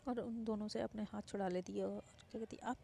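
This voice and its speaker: A woman's voice: mid-range voice, steady tone, fast talker, creaky, warm tone, a little hiss or hum. A woman narrating a romantic story in a casual, repetitive way, restarting phrases as she goes.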